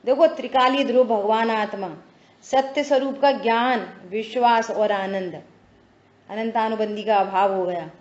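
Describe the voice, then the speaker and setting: High-voiced woman giving a spiritual discourse. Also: steady tone, unhurried. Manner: explains patiently, repeats phrases, asks if listeners follow. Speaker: spiritual teacher. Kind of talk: religious discourse. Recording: echoey dull lo-fi room.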